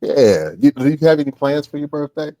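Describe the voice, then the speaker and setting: A man in his thirties hosting a podcast interview, relaxed and halting, using many fillers and laughing along. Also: on the high side. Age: 30s. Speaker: podcast host. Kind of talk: casual interview chat.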